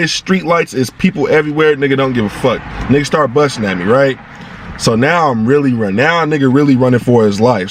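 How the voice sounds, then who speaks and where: A young man telling a personal story in a casual vlog, talking in excitable, profane street slang that jumps high when he gets worked up. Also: slight background noise.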